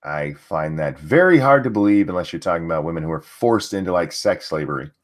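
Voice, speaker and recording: An older man hosting a livestream reads the chat and an article aloud, mocking them with crude, sarcastic commentary full of swearing. His voice is low-pitched, animated and brisk.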